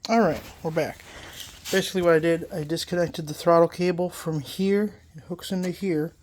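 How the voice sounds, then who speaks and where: Congested from a cold that's hung on, the host of a repair channel casually explains a mower engine repair in a workshop, rambling and fixing their own slips with many fillers. Their medium-pitched voice is darkish, fairly even in intonation and moderate in pace, with a little hiss or hum.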